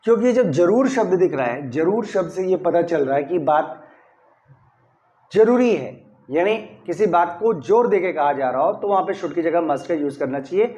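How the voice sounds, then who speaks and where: A man gives a step-by-step grammar lesson, checking in with his students as he goes. His voice sits high, and the recording is somewhat dull and lo-fi. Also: expressive, moderate pace, warm tone. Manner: explains step by step, often asks "clear?"; stresses key words when saying model sentences. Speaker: English grammar teacher. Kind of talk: classroom-style grammar lesson.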